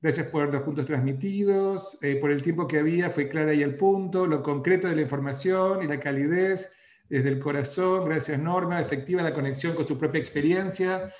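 A man's voice: a little high, normal speed, a little mellow, reverberant. A man hosting an online webinar on a video call, reading out feedback and then explaining a point. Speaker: webinar host.

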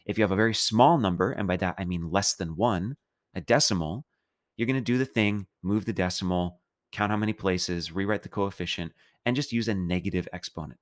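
Low-voiced casual chemistry teacher. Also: male voice, brisk. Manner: casual, playful explaining with a loose, chatty delivery. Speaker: chemistry instructor. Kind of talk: recorded math lecture.

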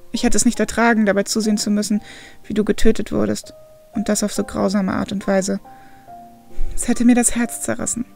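A woman reading as a guilt-ridden older brother in a storybook, protective and burdened. He talks in a low, quiet, heavy way with a gravelly grain in the voice. Soft instrumental music runs underneath. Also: lightly acted.

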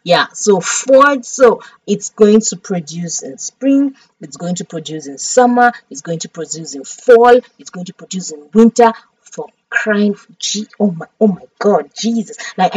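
A woman's voice: mid-range voice, animated, unhurried, darkish tone, no echo, distant mic, poor audio. A Nigerian woman streaming a farming game, chatty and dramatic as she talks through each step.

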